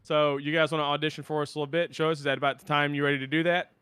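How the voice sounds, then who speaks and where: A man's voice: on the high side, level tone, very fast, fairly bright tone, smooth, dry recording. A man hosting a comedy podcast, teasing and exasperated as he interviews two guests in character.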